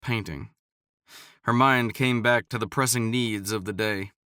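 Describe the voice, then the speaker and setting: A man calmly narrating a romance audiobook in scripted narration. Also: fairly low pitch, unhurried, clean tone, no echo, studio quality.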